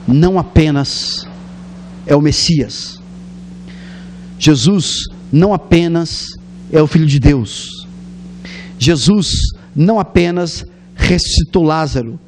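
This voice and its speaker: A man with a Brazilian Portuguese accent preaching a sermon, telling the story in a lively way and acting out the scenes. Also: fairly high pitch, a little hiss or hum.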